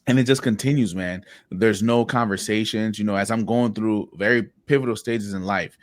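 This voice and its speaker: Speaking at a moderate pace in a lowish voice, a man from Haiti shares personal stories as a podcast guest, earnest and reflective, with repeated words at the start of his sentences. There's no echo.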